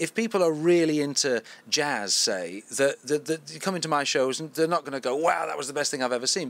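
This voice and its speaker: A man's voice: medium pitch, a bit bright. A man hosting a podcast, interviewing in a chatty, conversational way and affirming often. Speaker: podcast host.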